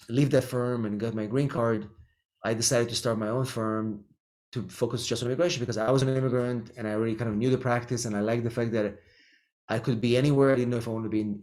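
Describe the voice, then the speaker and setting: This middle-aged man from Israel, a guest immigration lawyer, talks fairly quickly in a medium-pitched, slightly mellow voice with fairly even intonation. His answers to the interview questions are thoughtful, punctuated by frequent ums and restarts.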